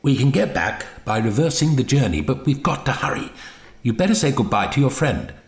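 Man playing the Doctor, gruff little time-traveller. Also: mid-range voice, big pitch swings, brisk, echoey room. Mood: brisk. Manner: hesitant, stammering when addressing strangers.

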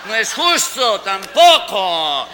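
A man's voice: high voice, big pitch swings, slow, background noise, exaggerated voice. A man playing a gossipy old Antioquian woman who tells a comic tale, chatty and wry, with an Antioquian accent. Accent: Antioquian Colombian. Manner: chatty, wry, lots of mock-quoted dialogue. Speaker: comic storyteller. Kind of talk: comic stage monologue. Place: school fair stage.

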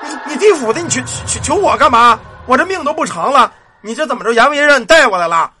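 A man's voice: very high-pitched, expressive, quick pace, bright, forceful tone, breathy edge, pitched above the performer's own voice, heavily acted. A man voicing a frightened old squire who stammers and trembles as he talks. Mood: terrified.

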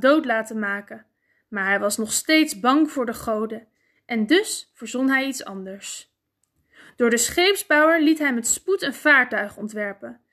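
Slow, expressive woman storyteller. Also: a little high. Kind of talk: storybook narration of a myth.

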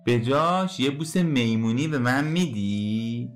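A woman voicing a kind, patient papa bear who gently coaxes his cub in a storybook reading. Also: very deep voice, lively intonation, soft background music, voice pushed down. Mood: coaxing. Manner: gentle, coaxing, playful.

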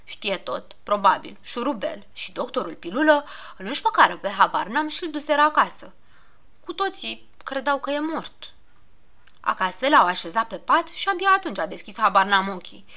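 A woman narrating a children's storybook in an animated, expressive way. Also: on the high side. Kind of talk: storybook reading.

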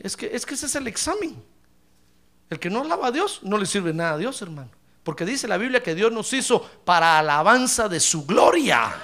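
A man preaching a sermon to his congregation, addressing them directly and breaking into loud shouted praise. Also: very high-pitched.

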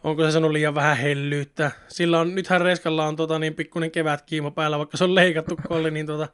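A man's voice: on the high side, level tone, a bit bright, smooth. A man in casual conversation, talking in a rambling, chatty way with many fillers. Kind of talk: casual chat.

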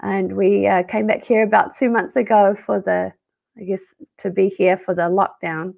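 A woman in her thirties with a New Zealand accent talks as an interview guest in a chatty, upbeat way. Her voice sits in a middle register with a gravelly fry running through it. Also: medium pitch, little pitch movement, moderate pace, phone-quality sound. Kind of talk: casual interview chat.

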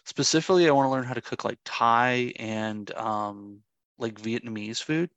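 A man's voice: medium pitch, normal speed, a bit bright, no room sound, muffled recording. A man from Florida co-hosting a podcast, chatting in an easygoing, rambling way. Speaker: podcast co-host. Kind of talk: casual chat.

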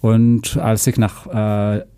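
A man with a Russian accent speaking German as a second language, telling his story casually and haltingly as an interview guest. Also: fairly low pitch, completely flat delivery, dark tone, smooth. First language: not a native German speaker. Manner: halting, searching for words.

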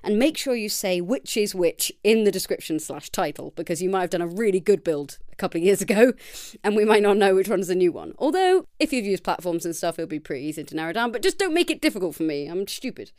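A woman's voice: mid-range voice, very animated, quick pace, darkish tone, no echo, studio quality. A woman hosting a casual solo podcast late at night, chatty and self-deprecating, sounding a little tired. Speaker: podcast host. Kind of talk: casual solo podcast reading listener challenges.

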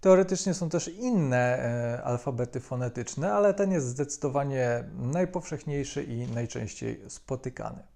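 A man calmly explaining a language topic as a video lesson, with frequent hesitation fillers. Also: mid-range voice, normal speed, vocal fry, few pauses. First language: Polish. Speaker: language teacher.

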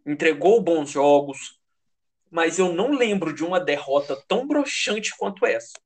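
A man's voice: a little high, lively intonation, moderate pace. A man with a Brazilian Portuguese accent in casual, heated sports chat, slangy and emphatic, swearing and repeating phrases for emphasis. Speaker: American football fan commentator.

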